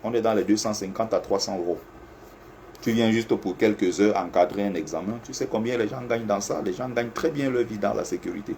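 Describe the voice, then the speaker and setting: With a low-leaning voice and a fairly quick pace, a man who works as a security agent chats animatedly to the camera in an air-conditioned office. He repeats himself and speaks directly to viewers, and there's slight noise behind him.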